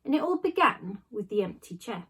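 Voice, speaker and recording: Reading a children's novel aloud like a class teacher, a woman speaks at a typical female pitch with a slightly husky, rough edge. She stresses key words, drops in small dramatic pauses, and is very animated throughout.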